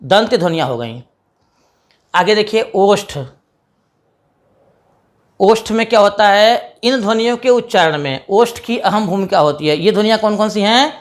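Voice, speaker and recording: A woman teaching a grammar lesson in a patient way. She sounds out each letter slowly, then asks a question and answers it herself. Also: mid-range voice, lively intonation. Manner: patient, demonstrates sounds aloud one by one.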